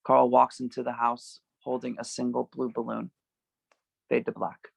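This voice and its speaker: At a table read, a man reads screenplay directions in a creaky, gravelly, middle-pitched voice. His delivery is completely flat at normal speed, and the recording is dry and close with no echo.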